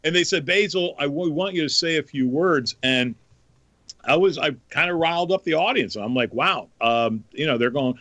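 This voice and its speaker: A man hosting a podcast in casual chat, telling stories in an animated way. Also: on the high side, normal speed, dry recording. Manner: animated storyteller. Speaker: podcast host.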